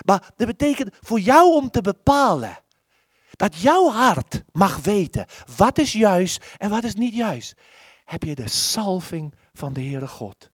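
An impassioned preacher delivers a sermon with a wide, rising and falling pitch. The voice circles back on its own words and pauses heavily for effect. It sounds dry and close, with little room around it. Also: sing-song, slightly rough, no room sound. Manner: acts out the biblical quotes.

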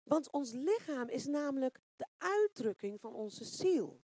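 A woman's voice: high-pitched, sing-song, unhurried, dark tone, no room sound, studio quality. A woman preaching an informal sermon, asking the room rhetorical questions and searching for words with frequent fillers.

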